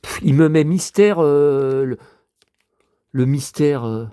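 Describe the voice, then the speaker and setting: A man's voice: fairly high pitch, slow, warm tone, clean tone, no echo. A man vlogging casually to his viewers, rambling and muttering with mild swearing as he talks from home in front of a TV.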